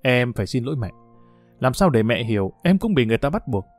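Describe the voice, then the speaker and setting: A man's voice: medium pitch, big pitch swings, fast talker, faint music behind. A man voicing a frightened young wife. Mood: pleading.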